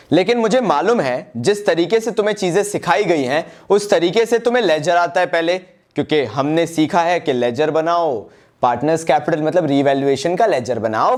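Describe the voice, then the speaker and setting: Brief: Indian man, commerce tutor, high-pitched and chatty, quizzes students then answers himself. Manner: chatty, calls students "yaar" and "bhai", asks and answers his own questions; calls himself "Baba ji". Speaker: commerce teacher. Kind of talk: online accounts lesson.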